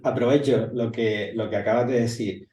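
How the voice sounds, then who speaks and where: A man hosting an interview, asking slow, hesitant questions with restarts. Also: mid-range voice, fairly even intonation, mellow. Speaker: interviewer, host. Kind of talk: conversational interview. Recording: roomy, distant from the mic.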